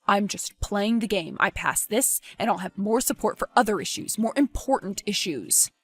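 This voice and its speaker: A woman's voice: mid-range voice, animated, moderate pace, husky. A woman doing an evasive young male politician. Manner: quiet, pleading, evasive. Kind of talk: animated story voice acting.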